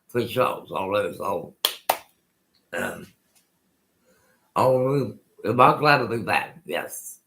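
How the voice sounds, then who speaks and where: Poor audio captures a Colorado man in his sixties hosting his own live stream, where he chats casually but rambles, repeats things and keeps restarting. Missing all his teeth, he is at times unclear. His voice is on the low side with a sharp tone.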